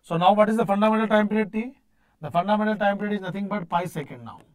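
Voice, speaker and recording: A man with a North Indian accent gives a classroom lecture in a high-pitched voice. He repeats key phrases with emphasis and often puts questions aloud before answering them himself. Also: quick pace, a little mellow. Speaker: teacher of exam-prep engineering course. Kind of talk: classroom lecture mixing English with Hindi. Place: indoor teaching studio at a digital board.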